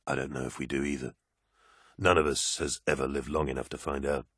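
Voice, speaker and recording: A man with a husky voice reading the part of a superhuman warrior captain, low, quiet and flatly certain. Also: fairly quick, no echo, clean studio sound. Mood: stoic. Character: towering superhuman warrior captain, calm and stoic.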